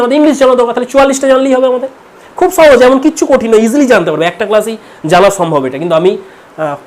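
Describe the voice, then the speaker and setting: Male teacher, from India, rapid delivery, explaining pronunciation and repeating sample words. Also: very high voice. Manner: explanatory, repeats words slowly to model sounds. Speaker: English teacher. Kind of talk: online pronunciation lesson.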